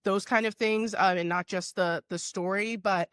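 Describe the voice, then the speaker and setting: A woman hosting a casual podcast chat, a bit hoarse, talking in a chatty, upbeat way with lots of fillers. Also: mid-range voice, fairly even intonation, normal speed, a bit bright, no echo, clean studio sound. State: hoarse, under the weather. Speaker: podcast host.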